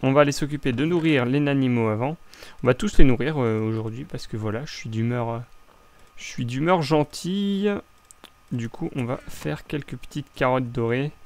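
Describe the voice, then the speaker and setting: A man's voice: mid-range voice, moderate pace, a little mellow. A young man with a French accent chatting casually as he plays a building game, rambling with lots of restarts. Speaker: Minecraft let's play host. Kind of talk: casual gameplay commentary.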